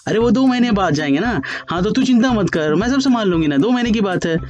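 A man voicing a bossy, talkative older sister who talks quickly and scoldingly, juggling two conversations. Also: high-pitched, lively intonation, darkish tone, dull audio, faint music behind, pitched above the performer's own voice. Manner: quick, scolding, talking over.

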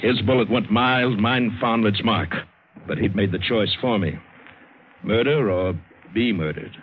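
Here an American actor with a lowish, slightly slow, near-everyday voice plays a wry, hard-boiled sailor and adventurer telling his own tale as first-person narration in a 1950s radio drama. He sounds tough, wary and wisecracking, delivering it dramatically in a tense mood. The sound is hissy, scratchy and narrowband, like vintage radio.

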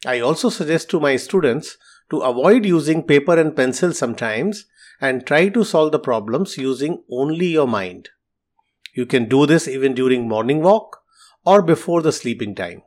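Male podcast host, math teacher; animated pitch, slightly high, methodical and teacherly. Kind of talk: scripted podcast explanation.

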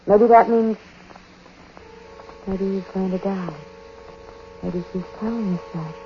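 An actress playing a musing, superstitious young wife in a 1940s radio drama, with a tentative, wondering manner. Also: female voice, medium pitch, slow. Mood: wondering, uneasy. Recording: muffled, noisy 1940s radio recording.

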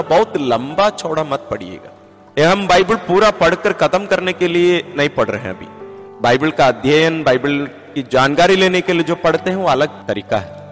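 A man's voice: on the high side, a bit bright. A man, a priest, giving an earnest sermon-style talk that counts out its points. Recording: long hall reverb with faint music.

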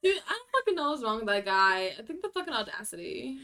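A woman co-hosting a podcast in casual chat, blunt and quick to swear, who also reads listener stories aloud. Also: on the high side, big pitch swings, pushed and bright. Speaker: podcast co-host.

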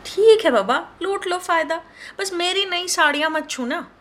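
Woman doing a young daughter, teasing, giggly, high voice. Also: a little slow. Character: teasing college-age daughter.

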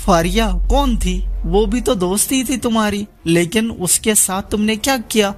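A man voicing a bitter, desperate young man who speaks harshly and shouts. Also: high voice, normal speed, soft background music, pitched above the performer's own voice, natural voice. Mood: bitter angry.

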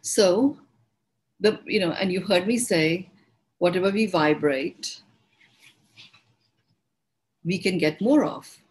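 A woman with an Indian accent hosting a podcast, talking through ideas in an unhurried, reflective way and often restarting words as she finds her phrasing. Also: fairly low pitch, darkish tone, rough recording. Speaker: podcast host and speaker on personal growth. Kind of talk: reflective spoken teaching.

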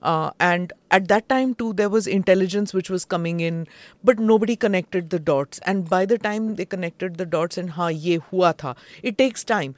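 A woman's voice: mid-range voice, normal speed, darkish tone, no room sound. A woman with an Indian accent hosts a discussion, putting questions to her expert guests. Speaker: host. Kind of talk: news discussion interviewing.

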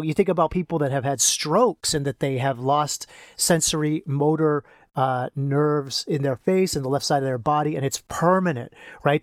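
A man hosting a casual solo podcast, rambling and repeating himself, his speech slightly slurred and soft on lip consonants as if numb from the dentist, with one side of his mouth paralyzed. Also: fairly high pitch, no room sound, studio quality. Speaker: podcast host and men's coach.

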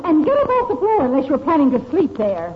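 A sarcastic, commanding wife. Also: female voice, sits high, wildly swooping pitch, fairly quick, crowd noise. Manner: sarcastic, cutting. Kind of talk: 1940s radio acting. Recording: muffled old radio recording with hiss.

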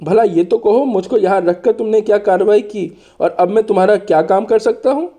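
A man's voice: sits high, fairly quick, dark tone. A man voicing a loyal, obliging older court minister in a storybook, frank and earnest. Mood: puzzled, friendly.

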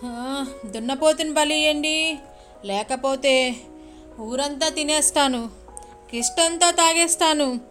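Woman doing a possessed village shaman, loud, high-pitched, menacing, faint music behind. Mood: furious, raging. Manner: shouting, threatening, drawn-out menacing cries. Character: male village shaman possessed by a furious goddess. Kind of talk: storytelling.

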